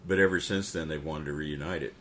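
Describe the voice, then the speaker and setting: Blunt, profane man with a very deep voice. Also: steady tone, quick pace, fairly bright tone, slight background noise. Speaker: podcast co-host. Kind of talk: casual political rant.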